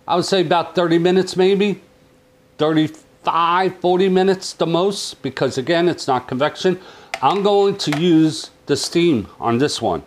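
A man reviewing a kitchen oven in a home kitchen, chatting excitedly with viewers. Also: fairly high pitch. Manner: exuberant, chatty, calls viewers "my friends" and "baby". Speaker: cooking appliance reviewer. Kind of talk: casual cooking review.

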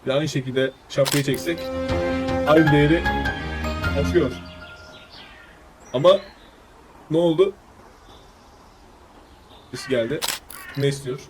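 Male streamer, slightly high voice, wry running commentary over clear game music. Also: measured pace, pauses often. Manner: muses aloud, wry asides, grows loud and excited. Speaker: gameplay streamer. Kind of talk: casual live game commentary. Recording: game music playing behind.

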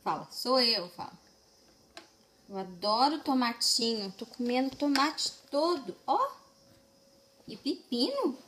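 Young woman, mother filming at home; coaxing sing-song baby talk, highish lively voice, slow delivery. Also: slight background noise. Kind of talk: home video talking to her toddler. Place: at home by the dining table.

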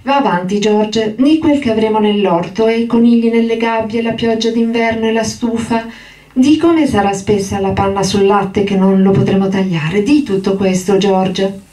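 A woman's voice: mid-range voice, fairly even intonation, moderate pace, dark tone, far from the mic, voice pushed up, close to an everyday voice. A woman voicing a big, simple-minded grown man with a childlike, eager, pleading way of talking, in a dramatic reading of a novel. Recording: roomy hall, voice from afar.

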